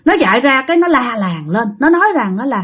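A woman's voice: high voice, very animated, fast, fairly bright tone, husky. A woman telling a ghost story in a conversational way, addressing listeners directly and repeating phrases for emphasis.

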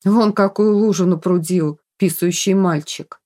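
A woman's voice: on the low side, a little slow, dark tone. A woman voicing an awkward, kind young man who mumbles sheepishly.

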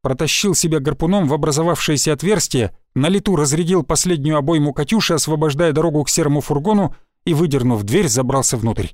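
A man narrating a first-person science-fiction audiobook in a steady, even voice. His pitch sits somewhat high for a man, and the sound is dry and close. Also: quick pace, hardly any pauses, no echo.

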